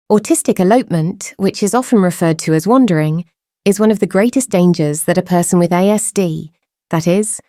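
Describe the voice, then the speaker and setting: Host, woman, voice-changer processed, mellow tone, dry close sound, measured scripted delivery. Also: lowish voice, no room sound. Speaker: true crime channel host. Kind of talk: scripted commentary.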